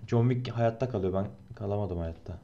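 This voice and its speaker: A young man commentating his own gameplay, swearing a lot and swinging from low muttering to high-pitched yelling. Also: brisk, muffled recording, slight background noise. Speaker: gameplay streamer.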